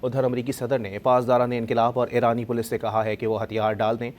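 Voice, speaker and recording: Brisk and a little mellow, with a mid-range voice and little pitch movement, a Pakistani-accented anchor formally and insistently repeats a breaking Urdu news bulletin.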